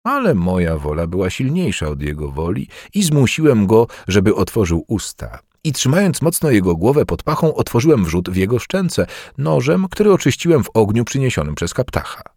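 A man giving an expressive first-person audiobook reading in a measured, theatrical storytelling manner. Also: on the low side, no echo, clean studio sound. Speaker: audiobook narrator.

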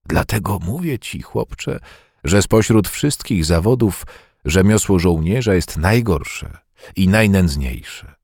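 A man's voice: sits low, animated, slow pace, vocal fry, a little mellow, husky, dry recording, studio quality, full character voice. A man reading an audiobook, voicing a bitter, toothless, one-armed old war veteran who speaks with scorn. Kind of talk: audiobook character voice.

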